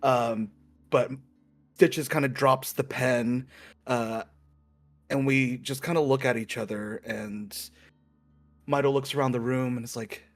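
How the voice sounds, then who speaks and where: Slow, halting man describing his character's moves in a tabletop game. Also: mid-range voice, steady tone. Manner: halting, many fillers. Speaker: player.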